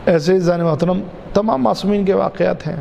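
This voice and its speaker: A man's voice: high-pitched, steady tone, vocal fry, mellow, a little hiss or hum. Male cleric, emphatic repetitive preaching, long hall reverb with faint background ambience. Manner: repeats key phrases, drawn-out emphatic delivery; addresses listeners as dear ones. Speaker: Shia cleric giving a majlis sermon. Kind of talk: Urdu majlis sermon. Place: mosque.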